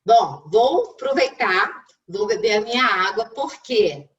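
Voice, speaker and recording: A woman's voice: medium pitch, lively intonation, a little slow, far from the mic, lo-fi sound. A speech therapist giving a didactic talk on a video call, with a Brazilian Portuguese accent, addressing her listeners directly. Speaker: speech therapist and communication mentor.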